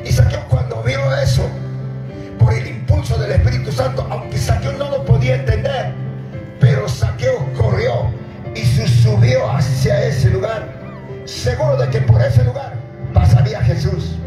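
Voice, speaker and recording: A middle-aged man preaching at night on an outdoor stage, speaking into a handheld mic, calling out to the congregation and shouting at the peaks. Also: extremely high pitch, fairly even intonation, measured pace, loud music behind the voice. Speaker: pastor. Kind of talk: open-air sermon. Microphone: handheld mic through PA, filmed from far. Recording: echoey PA sound from far off.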